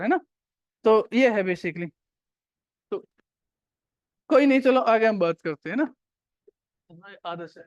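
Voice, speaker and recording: A man's voice: extremely high pitch, no echo, lo-fi sound. Man lecturing a class, quizzing students. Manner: repeats key points and quizzes students. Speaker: teacher.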